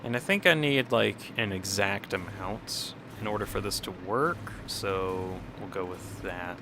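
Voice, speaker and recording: He speaks in an unhurried, lowish voice, chatting aimlessly as he plays and streams, answering chat and chuckling frequently. A cold makes him sound slightly nasal. Game music and other background noise fill the recording.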